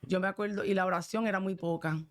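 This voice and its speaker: A woman pastor telling her testimony in an earnest, heartfelt way. She speaks at an everyday middle pitch and often drops little asking asides to her listener as she goes. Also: steady tone, fast. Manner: earnest, fervent, many filler asides. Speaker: pastor, guest. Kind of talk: testimony in casual chat.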